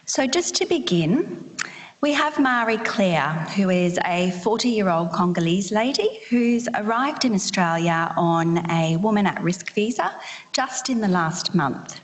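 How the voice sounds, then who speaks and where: A woman with a slightly low voice leads an education session, laying out a case study with measured, explanatory pacing. Her voice carries a long reverb tail from the large presentation hall around her. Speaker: session facilitator.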